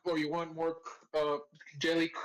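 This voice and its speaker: A man's voice: monotone, measured pace. Man on a thin, tinny phone line. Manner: jokey, ending lines with radio talk like "over" and "ten four". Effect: thin tinny phone sound with no bass, like a walkie-talkie. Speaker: friend on a group voice call. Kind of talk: casual chat. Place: kitchen.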